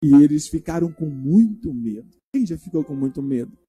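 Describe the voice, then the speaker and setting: A man's voice: a little high, normal speed, husky, faint music behind. A male pastor giving a children's sermon in a church, retelling a story and asking the children questions as he goes. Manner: animated, asks the children questions.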